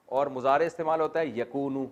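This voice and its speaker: A man's voice: mid-range voice, fairly even intonation, muffled recording. A man teaching a Quran exegesis class, explaining Arabic grammar and putting questions to his students with joking asides.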